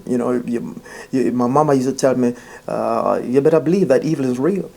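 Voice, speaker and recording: Speaking a little fast with some vocal fry, this Jamaican vlogger has a dark, mellow voice at middle pitch, and a slight hiss or hum runs through the recording. He tells his story informally and earnestly, stressing points by repeating phrases and frequently speaking right to the viewer.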